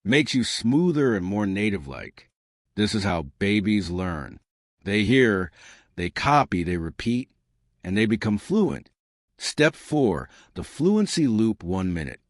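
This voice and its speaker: A man giving scripted English lessons in short, emphatic, measured phrases. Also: lowish voice, sing-song, no echo, clean studio sound. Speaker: English pronunciation teacher. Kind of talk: scripted instructional narration.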